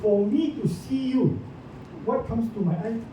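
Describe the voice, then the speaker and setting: A man giving an informal lecture to a small group, constantly asking the listeners questions and filling gaps with "ah" and "uh". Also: measured pace. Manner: keeps quizzing listeners with questions, many "ah" and "uh" fillers. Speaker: presenter. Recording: echoey room, distant mic, dull sound, rumbling noise.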